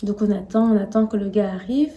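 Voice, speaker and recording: A young woman vlogging her own story, animated and acting out the voices of the people in it. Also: medium pitch, fairly quick. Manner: animated, acts out her own and others' quoted words, laughs at herself. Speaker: vlogger telling her testimony. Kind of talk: casual storytelling to camera.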